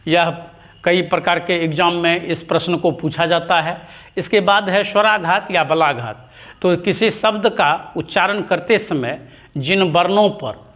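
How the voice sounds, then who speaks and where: A man teaching Hindi grammar in a dictation-style lesson, repeating each term slowly with long pauses between words. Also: fairly high pitch, fairly bright tone.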